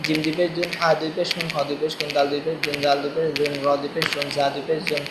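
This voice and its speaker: A man's voice: fairly high pitch, flat delivery, racing, very noisy. A male teacher giving a recorded reading lesson, patiently chanting letter drills line by line. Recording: echoey room, faint ambience.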